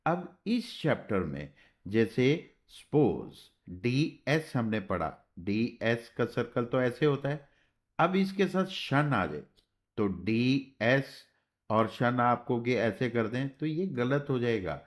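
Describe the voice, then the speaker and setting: Slow, patient man teaching a lesson. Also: mid-range voice, expressive. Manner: slow, patient, spells out sounds and checks with "theek hai". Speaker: shorthand teacher. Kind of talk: classroom lesson.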